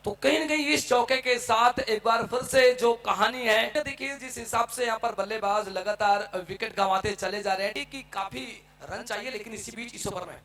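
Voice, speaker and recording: A man giving excited live cricket commentary, with exclamatory, drawn-out calls as play unfolds. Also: high voice.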